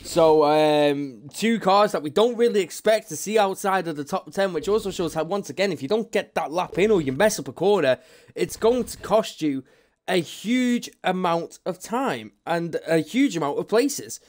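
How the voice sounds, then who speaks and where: A man's voice: high-pitched, lively intonation, moderate pace. Upbeat man commentating a race. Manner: chatty, upbeat, rattles off grid lists. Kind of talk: live sim-racing commentary.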